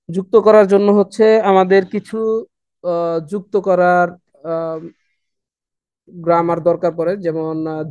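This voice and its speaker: Halting man teaching Arabic letter sounds. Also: fairly high pitch, a little mellow, no room sound. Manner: halting, many filler sounds, drills letters and syllables slowly. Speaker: Quran reading teacher. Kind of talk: online lesson with slides.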